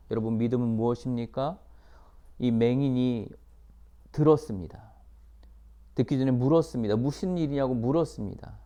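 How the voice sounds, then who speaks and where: A man preaching a sermon, reading scripture and explaining it in slow, emphatic, repeated phrases, sometimes dropping to a whisper. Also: mid-range voice, warm tone. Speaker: missionary preacher.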